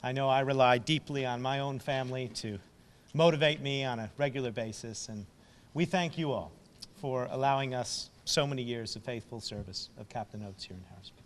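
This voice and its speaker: A man, a city official, speaking in a measured, formal way as master of ceremonies. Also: mid-range voice, long reverb tail. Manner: measured, formal, slightly grand wording.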